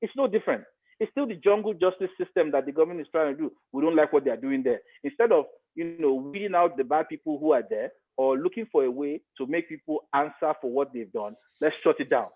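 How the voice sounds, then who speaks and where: A Nigerian-accented man argues his views in a podcast discussion, speaking fast in a slightly high voice. He's emphatic, repeats phrases for effect, and the audio comes through thin, like a phone call.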